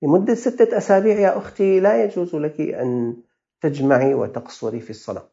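A man's voice: on the high side, fast talker, vocal fry, warm tone, highs cut off. A man with a Levantine Arabic accent, a religious scholar answering listeners' questions with earnest, fatherly advice.

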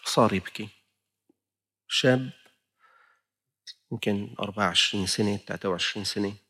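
A man's voice: on the low side, moderate pace, bright, forceful tone. A man with a Levantine Arabic accent preaching a sermon in a conversational storytelling way, full of rhetorical questions.

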